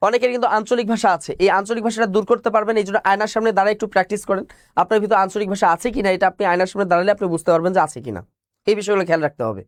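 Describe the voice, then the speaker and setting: Fast-talking high-voiced male teacher. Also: no echo, studio quality. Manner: explains point by point, repeats key phrases, asks and answers his own questions. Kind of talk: online exam-prep class.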